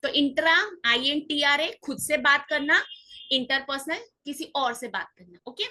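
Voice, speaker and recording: A woman's voice: high-pitched, fairly even intonation, normal speed, pushed and bright, poor audio. A woman teacher explaining exam concepts in a mixed Hindi-English lecture, asking the class questions and answering them herself. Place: online class or recorded session.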